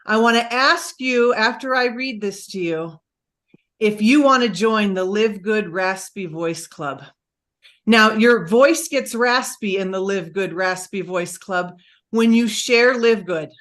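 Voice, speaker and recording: A woman giving an enthusiastic pep talk as a guest speaker on a company call, gushing with breathless excitement. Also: mid-range voice.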